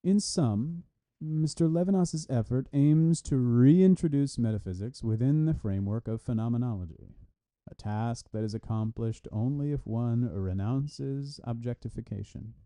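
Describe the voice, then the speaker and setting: A man with a warm, medium-pitched voice reads a translated academic philosophy review at a normal speed. His delivery is formal and scripted, and he voices the punctuation and citations aloud.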